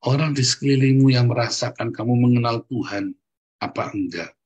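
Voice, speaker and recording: Husky-voiced male pastor. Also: mid-range voice, a little fast, darkish tone, muffled recording. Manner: emphatic, keeps addressing the congregation as "Saudara". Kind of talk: sermon.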